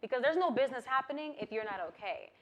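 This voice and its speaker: A woman from Queens, New York, a singer-songwriter appearing as an interview guest, talks candidly and casually in a high, animated voice at a quick pace, often saying "like" and "you know." The lo-fi recording has a noisy crowd underneath.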